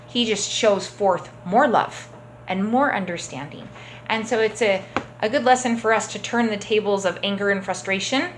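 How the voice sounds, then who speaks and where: A woman teaching a children's church class, telling a story gently and often checking in with the kids. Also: medium pitch, slight background noise, rough recording. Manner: gentle, encouraging, checks in with "okay?".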